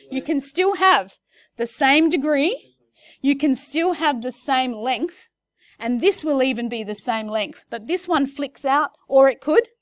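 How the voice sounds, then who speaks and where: A woman's voice: fairly high pitch, no room sound. A woman teaching a maths class in a chatty way, correcting herself and checking in with her students. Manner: chatty, self-correcting, asks the class questions. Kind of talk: classroom lesson.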